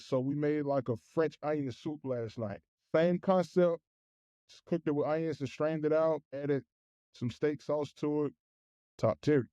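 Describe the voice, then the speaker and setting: A man's voice: medium pitch, dark tone, no room sound, highs cut off. A man talking casually and candidly as a podcast guest, blunt and plain-spoken.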